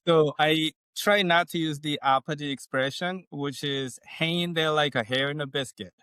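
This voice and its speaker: A man's voice: on the high side, fairly even intonation, moderate pace, bright, forceful tone, smooth, dry recording. Man explaining leadership. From South Korea. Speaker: guest, leadership consultant. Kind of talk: podcast interview.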